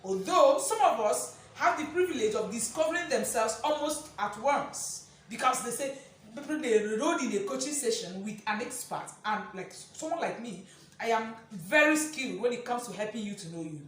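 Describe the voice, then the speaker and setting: A woman coach giving a motivational talk to viewers, talking in a descriptive way and checking in with questions, slowing down to stress her words. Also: fairly high pitch, expressive, recorded from a distance. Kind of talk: direct-to-camera motivational talk. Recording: very echoey room, voice a bit off-mic, faint noise.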